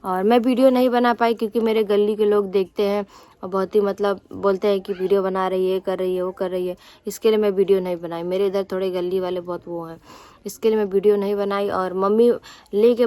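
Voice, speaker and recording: A woman's voice: medium pitch, fairly even intonation, fairly quick, mellow, dry recording. A young woman vlogger talking casually to her viewers in an aggrieved, rambling way, with many restarts and fillers. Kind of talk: casual vlog talk to viewers.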